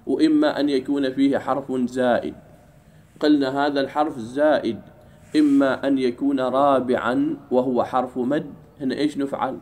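A man teaching an Arabic grammar lesson in a classroom, drawing out key words slowly and keeping the class engaged with questions. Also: medium pitch, fairly even intonation, a little mellow. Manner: drawls key words slowly, keeps asking "what?".

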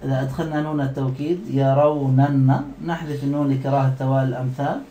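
A male teacher leading a classroom lesson, repeating words slowly and quizzing his students. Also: medium pitch, fairly even intonation, warm tone, reverberant, a little hiss or hum.

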